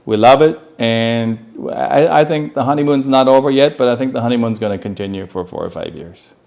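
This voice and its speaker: A man in his fifties from Canada, a retired client chatting in a relaxed, talkative way in an interview. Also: medium pitch, a little fast, vocal fry. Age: 50s. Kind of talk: casual interview chat.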